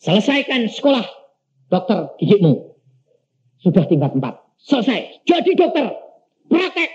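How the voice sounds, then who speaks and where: A man voicing God, calm and commanding. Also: high voice, unhurried, voice pushed up, full character voice. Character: God, a patient, commanding divine voice. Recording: dull lo-fi recording.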